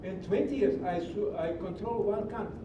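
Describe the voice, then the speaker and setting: A man's voice: normal speed, highs cut off. A middle-aged man, speaking broken English in a passionate, preachy public comment at a county meeting. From Greece. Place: large meeting hall. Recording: echoey hall from far off with low rumble.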